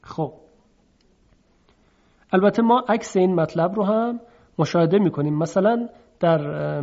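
A man teaching a lesson on Quranic recitation, explaining step by step, asking and answering his own questions, and chanting example sounds slowly. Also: fairly high pitch, a little mellow. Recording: dull lo-fi recording.

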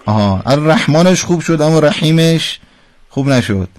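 A man's voice: on the high side, expressive, a little mellow. A man hosting a call-in radio lesson, patiently and precisely correcting callers' pronunciation. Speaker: radio Quran recitation teacher.

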